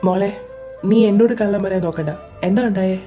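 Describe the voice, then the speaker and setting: Woman playing a protective big brother, coaxing and insistent, mellow tone, audio drama. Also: medium pitch, brisk, faint music behind, close to an everyday voice. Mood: coaxing concern. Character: caring protective elder brother, young man. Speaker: voice actor in fan audio drama.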